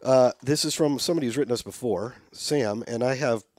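A man's voice: mid-range voice, a little fast, darkish tone, dry recording. A man co-hosting a podcast, chatting casually about football and reading listener emails aloud. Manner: conversational, reads listener letters aloud. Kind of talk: casual sports chat.

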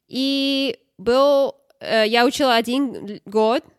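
A high-voiced woman co-hosts a casual podcast chat in Russian, which she speaks as a learned rather than first language, so she is halting and searches for words. Her voice is smooth and the studio sound is clean, with no room sound.

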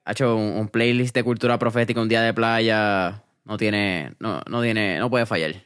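Relaxed male podcast host. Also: fairly low pitch, normal speed, clear, resonant tone. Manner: relaxed, mixes English words into Spanish. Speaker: podcast host interviewing an entrepreneur. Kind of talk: casual interview chat.

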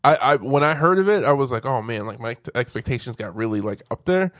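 A man's voice: mid-range voice, expressive, fast, a bit bright, no room sound, clean studio sound. A man hosting a casual movie chat, cursing freely and stammering through restarts.

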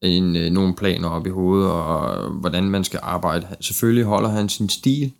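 A man's voice: low-pitched, gravelly. A man in a casual football discussion, hesitating and repeating words as he thinks aloud. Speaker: football podcast panelist.

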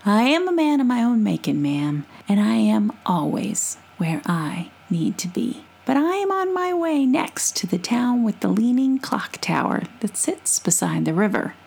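A woman voicing a gentle wandering male storyteller who speaks politely and whimsically, with small hesitations. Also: mid-range voice, very animated, measured pace, vocal fry, few pauses, husky, heavily acted. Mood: calm.

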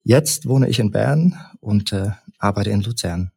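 A man from Leipzig, a researcher and lecturer, calmly explaining study results point by point as a podcast guest. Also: on the low side, vocal fry, husky. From Leipzig, Germany. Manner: measured, structured, lists points in order. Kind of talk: explanatory interview talk.

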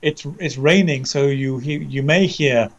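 A man with an English accent giving conversational news commentary over an internet call, measured and articulate, often repeating words as he searches for the next. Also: mid-range voice, lo-fi sound. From Britain. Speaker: commentator, co-presenter. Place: indoors under a roof, remote audio call.

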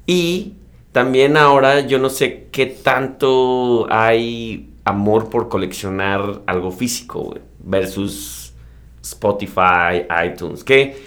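A man's voice: medium pitch, slow, a bit bright. A Mexican man co-hosting a casual podcast chat, joking and slangy, laughing often. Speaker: podcast co-host.

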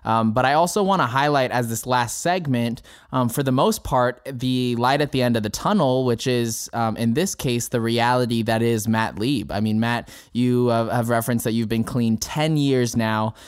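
A man's voice: mid-range voice, normal speed, few pauses, clean tone, no room sound, clean studio sound. A man hosting a podcast, asking long, earnest, winding questions. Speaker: podcast host. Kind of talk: casual interview talk.

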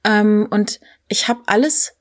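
Eine Frau mittleren Alters erzählt lebhaft und mit vielen Füllwörtern eine persönliche Geschichte im lockeren Gespräch. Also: female voice, mid-range voice, takes it slowly, no room sound, clean studio sound. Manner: animated storytelling with many fillers and quoted voices. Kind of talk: casual conversation, personal anecdote.

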